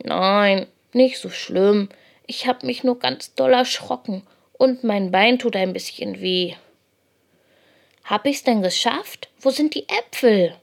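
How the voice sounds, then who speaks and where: A woman voicing a tiny, eager young bunny girl in a children's storybook, squeaky and excited. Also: slow pace, creaky. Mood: brave.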